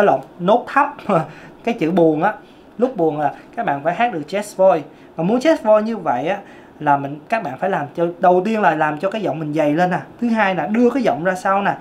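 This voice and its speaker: A man's voice: high-pitched, slight background noise. A man with a Southern Vietnamese accent and a tenor voice, teaching a singing lesson as a vocal coach. He explains emphatically and repeats key points.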